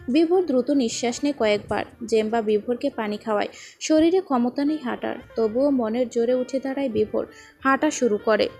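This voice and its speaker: A woman narrating an emotional serialized story in a steady, dramatic reading voice. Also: fairly high pitch, creaky. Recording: faint background music.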